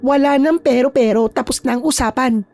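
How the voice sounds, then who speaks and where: A woman voicing a feisty young woman who is a loyal friend, talking in a brisk, scolding but reassuring way. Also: high voice, a little mellow, no echo, soft background music. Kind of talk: storytelling with acted dialogue.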